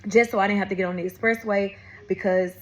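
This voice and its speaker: A woman's voice: mid-range voice, quick pace. A woman, telling a faith testimony as a casual vlog. She keeps calling her viewers y'all and baby and often restarts her sentences as she tells the story. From Atlanta, USA. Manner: talks straight to viewers, calls them y'all and baby; animated storytelling with frequent restarts. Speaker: vlogger.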